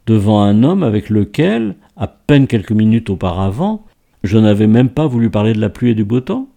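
Low, mellow male storybook narrator. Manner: measured and literary. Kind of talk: scripted first-person novel narration.

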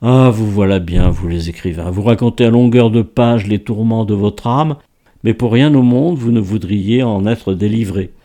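A man reading a storybook aloud and voicing a strange, enigmatic stranger who speaks in a hushed, confiding, insistent way, with a paternal tone. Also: fairly low pitch, moderate pace, lightly acted. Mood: reproachful.

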